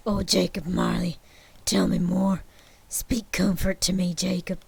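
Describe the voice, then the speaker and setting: A woman voicing a frightened old miser man, speaking low in a hushed, half-whispered, pleading way in a storybook reading. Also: little pitch movement, a little slow, creaky, breathy edge, no echo, full character voice.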